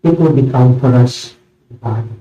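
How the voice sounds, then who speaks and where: A man serving as priest, reciting a eucharistic prayer solemnly in measured, short phrases, in a large reverberant church. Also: mid-range voice, dark tone, soft background music. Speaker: priest celebrating communion. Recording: echoey church, distant mic, muffled sound.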